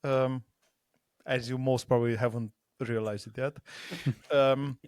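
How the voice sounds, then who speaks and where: A man's voice: mid-range voice, fairly even intonation, measured pace, darkish tone, clear, resonant tone, dry recording. Chatty Romanian-born man, dry sound. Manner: chatty, rambling, laughs often. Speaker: podcast guest. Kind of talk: casual video-call chat.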